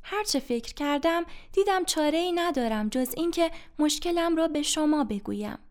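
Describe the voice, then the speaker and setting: A woman's voice: high voice, animated. A woman voicing a poor, ashamed grown man in debt, speaking humbly and hesitantly in a storybook reading.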